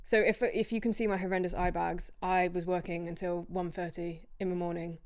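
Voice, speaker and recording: A woman's voice: on the low side, little pitch movement, fairly quick, darkish tone, smooth. A young woman hosting her own podcast, chatting in a rambling, self-deprecating way while tired from little sleep. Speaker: podcast host. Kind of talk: casual solo podcast chat. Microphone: podcast microphone.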